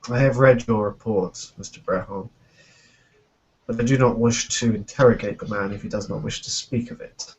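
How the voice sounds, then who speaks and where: A man voicing a formal, aloof male vampire prince in a tabletop game, speaking in a measured, polite way, in a muffled lo-fi recording. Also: fairly low pitch, fairly even intonation, a little hiss or hum, close to an everyday voice.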